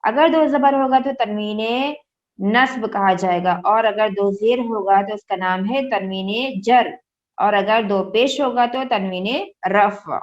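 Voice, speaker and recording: A woman teacher from India leads a recitation lesson, spelling out each letter and vowel slowly before she recites the full verse. Her voice sits at a middling pitch. The audio is muffled and lo-fi. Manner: slow, syllable-by-syllable spelling, then reciting the whole verse; explains patiently, quizzes students, mixes in English words.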